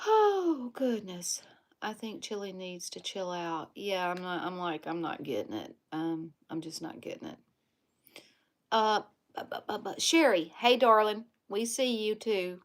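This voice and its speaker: A woman's voice: mid-range voice, expressive, measured pace. A woman hosting a casual livestream from home, reading viewer comments aloud in a chatty way. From Louisiana. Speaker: livestream host.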